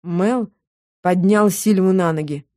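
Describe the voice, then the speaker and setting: A woman's voice: lowish voice, takes it slowly, mellow, no echo. Woman narrating an audiobook, dry sound. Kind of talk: first-person audiobook narration.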